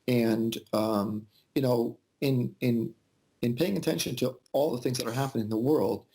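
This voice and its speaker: A man's voice: medium pitch, moderate pace, gravelly, mellow, a little hiss or hum. A man in his forties, born in Yugoslavia and raised in the United States, answering interview questions thoughtfully with frequent fillers and restarts over a video call. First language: Albanian. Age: 40s. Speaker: interview guest. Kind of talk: casual interview conversation.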